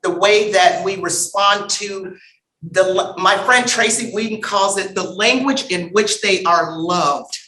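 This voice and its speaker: Woman, bright tone, lively humorous conference lecturer, echoey room. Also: medium pitch, slow pace. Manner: lively and humorous, calls for next slide. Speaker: conference speaker. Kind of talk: lecture with audience banter. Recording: roomy hall sound.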